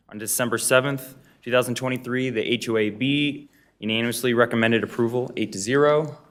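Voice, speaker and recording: A man's voice: lowish voice, a bit bright. A man on the planning staff reading out a formal report at a town board meeting.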